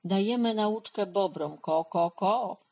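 A woman's voice: medium pitch, takes it slowly, a little mellow. A woman voicing a flock of clucking, quarrelsome hens in a children's storybook. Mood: squabbling. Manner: clucking, drawn out.

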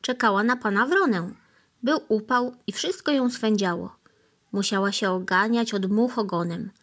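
A woman narrating a children's storybook in a gentle, even manner. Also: medium pitch, moderate pace.

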